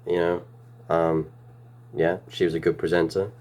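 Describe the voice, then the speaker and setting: Laid-back young man, low voice. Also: level tone, normal speed, a little mellow. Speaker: podcast co-host. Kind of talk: casual chat.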